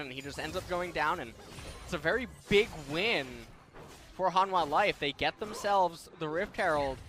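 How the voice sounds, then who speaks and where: High-voiced analytical male esports caster. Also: fairly bright tone. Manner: analytical, breaking down replays. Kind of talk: color commentary.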